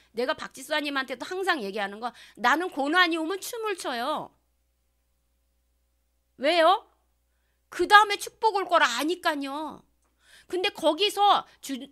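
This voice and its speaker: Woman pastor, sermon delivery; high, sharp tone, acts out prayers, drops into whispers. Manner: rhetorical questions to the congregation, swinging from loud to hushed whispers; acts out prayers and quotes in changed voices.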